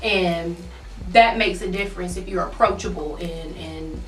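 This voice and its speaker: A woman's voice: lowish voice, measured pace, fairly bright tone. A woman in casual conversation, chewing while talking. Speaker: mukbang co-host. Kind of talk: casual chat. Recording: echoey room, distant mic, faint music.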